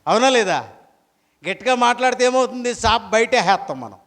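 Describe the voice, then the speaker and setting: A man's voice: extremely high pitch, lively intonation, fairly quick, a bit bright, big-room sound. A pastor preaching a sermon, throwing rhetorical questions at his congregation.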